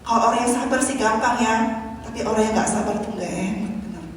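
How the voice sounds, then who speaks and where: Young Indonesian woman evangelist, high-ish voice, animated sermon, distant in a reverberant church hall. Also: fast talker, a little hiss or hum. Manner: lively, swings loud and soft, acts out quoted voices. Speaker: evangelist preacher. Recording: echoey hall from far off.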